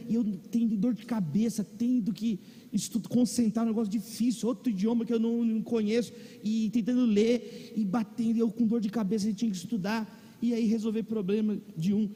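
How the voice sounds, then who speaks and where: A man with a warm, high-sitting voice and a breathy edge preaches a sermon in a Brazilian Portuguese accent. He entertains his congregation with a humorous story about himself, and the long reverb of a large hall, such as a big church or auditorium, fills the recording.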